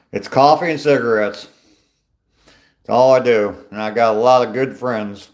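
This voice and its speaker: A slightly slow, mid-range voice with a darkish tone belongs to this man in his sixties. Walking outdoors, he reads viewer comments on his live stream and answers them casually and with dry humor, speaking into his phone.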